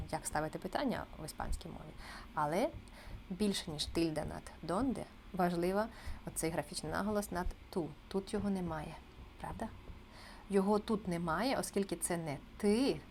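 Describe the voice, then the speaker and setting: A woman teaching a beginners' language lesson on video, explaining patiently and slowing down to repeat example phrases. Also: fairly low pitch, slight background noise. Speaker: Spanish teacher.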